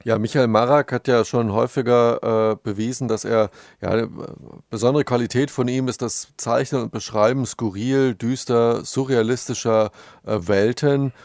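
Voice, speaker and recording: Man, gravelly voice, mid pitch, halting questions, dry sound. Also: steady tone, darkish tone, no room sound. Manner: halting, searching for words. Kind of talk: casual interview questions.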